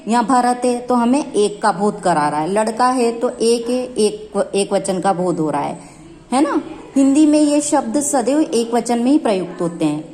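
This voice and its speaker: A woman's voice: a little high, expressive, a little slow, darkish tone. A woman teacher giving a grammar lesson, explaining each rule step by step and repeating her examples.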